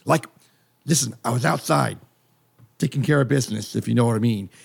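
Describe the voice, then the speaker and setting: A man playing a sheepish adventurer, halting yet insistent, in a tabletop game. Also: mid-range voice, vocal fry, husky.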